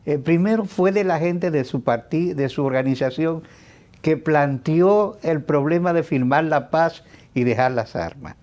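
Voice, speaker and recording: A man with a slightly high-pitched voice co-hosts a talk show. He gives political commentary calmly and explains his points at a steady pace. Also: a little slow, highs cut off.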